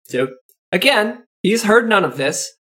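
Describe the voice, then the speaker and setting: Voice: mid-range voice, sing-song, unhurried, fairly bright tone. Tabletop player, careful about the rules, casual.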